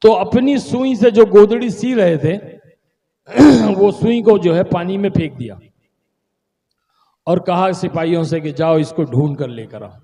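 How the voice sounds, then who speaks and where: A male preacher with a high voice tells a story in an animated sermon and prompts his listeners to respond. His voice carries a long, echoing reverb. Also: takes it slowly, long pauses. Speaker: Islamic preacher.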